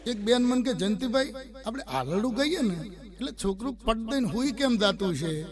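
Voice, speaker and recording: Gujarati comedian guy, high voice, rattling off jokes and doing the characters' lines, studio recording. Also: expressive, normal speed. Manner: storytelling with voiced quotes of characters. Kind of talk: Gujarati stand-up joke telling.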